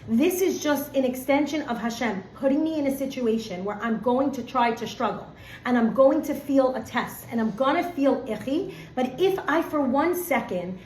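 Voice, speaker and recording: A middle-aged woman teaching a casual Torah lesson, animated and full of "like", acting out everyday scenes. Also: high voice. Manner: animated, acts out everyday scenes, many fillers of "like". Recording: echoey room, faint background hum.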